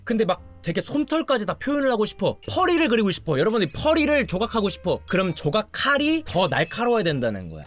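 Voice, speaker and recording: A man teaching a bass lesson online, counting beats aloud and scatting rhythms to his viewers. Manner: lively, counts aloud and scats rhythms, addresses viewers directly.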